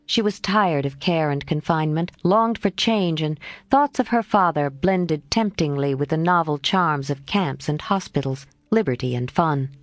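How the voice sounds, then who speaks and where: Lady reading an audiobook, lowish voice, lots of lilt, super dry sound. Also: normal speed, few pauses, dry recording. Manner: expressive storytelling. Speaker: audiobook narrator. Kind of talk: scripted narration.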